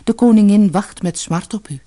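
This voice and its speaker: A woman's voice: mid-range voice, normal speed, mellow, voice pushed up, lightly acted. A woman voicing a brusque, impatient stranger dressed in grey, from a storybook recording. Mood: insistent. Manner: impatient, insistent.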